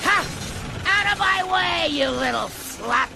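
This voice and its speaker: A crazed, greedy old woman in an audio drama, bellowing in a high, creaky voice. She drags her words out slowly while loud music plays underneath. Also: expressive, full character voice. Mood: manic triumph. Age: older. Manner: slow, drawn-out bellowing.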